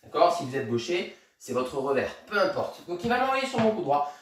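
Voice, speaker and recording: A man with a fairly high, very animated voice talks a little fast, with a bit of hiss or hum in the background. He's an upbeat tennis coach counting reps aloud and encouraging kids through a home tennis workout, moving and demonstrating exercises as he talks. He sounds distant, in a reverberant room.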